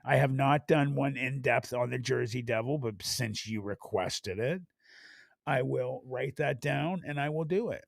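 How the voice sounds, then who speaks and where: A man hosting a live stream, chatting casually and rambling with restarts, his voice hoarse and worn from overuse. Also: medium pitch, unhurried, dry recording. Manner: rambling, thinks aloud with restarts.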